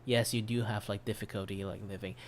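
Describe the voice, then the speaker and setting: A man with a lowish, steady voice talks fairly quickly, with slight background noise and music underneath. He's a streamer and commission artist chatting casually on a livestream, rambling and poking fun at himself as his voice begins to give out.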